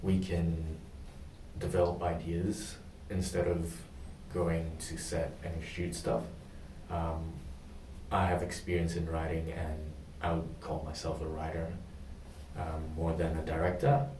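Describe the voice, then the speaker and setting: A young Indonesian man gives mock job interview answers as a candidate in a practice interview, his deep voice flat and hesitant with many pauses and ums as he searches for words. He sounds far from the mic, in an echoey room with faint ambient noise.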